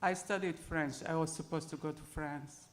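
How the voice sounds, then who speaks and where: This is a middle-aged woman with an Arabic accent, speaking as a panelist and telling the audience her personal immigrant story. Her voice is low and steady, and she talks at a normal speed.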